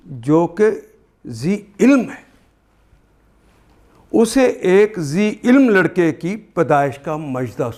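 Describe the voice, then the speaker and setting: An older man with a Pakistani Urdu accent gives a word-by-word Quran translation lesson. His voice sits somewhat high, and he speaks slowly and deliberately, repeating each term as he explains it. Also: a little mellow. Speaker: Quran teacher.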